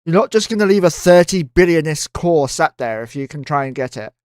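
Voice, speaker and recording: A man's voice: on the high side, expressive, fairly quick, clean tone, no echo, clean studio sound. A man giving casual live commentary on a game stream, thinking aloud and swearing freely.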